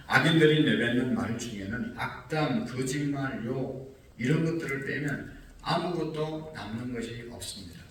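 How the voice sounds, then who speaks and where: Male pastor, dawn sermon, earnest, voice in the middle range, distant mic in an echoing sanctuary with faint background hum. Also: medium pitch. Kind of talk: early-morning sermon. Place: church sanctuary.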